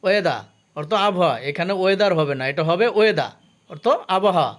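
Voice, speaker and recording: A man's voice: a little high, animated, fairly bright tone. A man teaching English vocabulary, saying each word and its meaning twice and stopping to explain the pronunciation. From Bangladesh. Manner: slow, careful drill with pronunciation notes.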